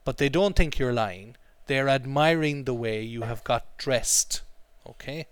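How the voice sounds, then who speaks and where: A man's voice: mid-range voice, expressive, unhurried, clear, resonant tone, no room sound. Man teaching English, dry sound. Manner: drills pronunciation, repeating phrases for students. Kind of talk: classroom language lesson.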